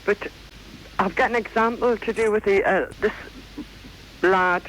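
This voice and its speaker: A woman's voice: mid-range voice, fairly even intonation, unhurried, a bit bright, a little hiss or hum, poor audio. Rambling woman caller. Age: around 50. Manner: rambling and hesitant, many fillers. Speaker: radio caller. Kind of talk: radio phone-in chat.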